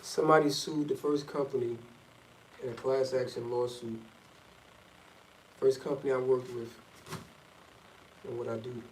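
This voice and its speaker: A man's voice: medium pitch, little pitch movement, a little slow, long pauses, a little mellow. A man chatting casually and candidly to himself in a loose, rambling, slangy way, like a vlogger. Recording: distant mic in echoey, noisy room.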